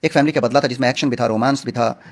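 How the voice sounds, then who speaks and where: Fast-talking earnest man. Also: mid-range voice, steady tone. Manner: emphatic, earnest, outspoken. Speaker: film actor guest. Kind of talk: interview answers.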